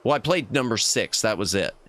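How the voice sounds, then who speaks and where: A man hosting a casual game livestream, chatting in an expressive, exclamatory way. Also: on the low side, a little fast, heavy background noise. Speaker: livestream host.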